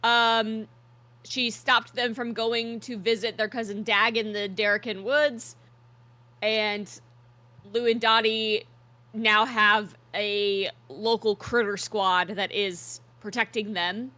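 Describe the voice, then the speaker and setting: A woman's voice: fairly high pitch, steady tone, takes it slowly, pushed and bright, dry recording. A woman casually recapping last week's tabletop game for her friends, joking and laughing along the way. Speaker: player doing the recap.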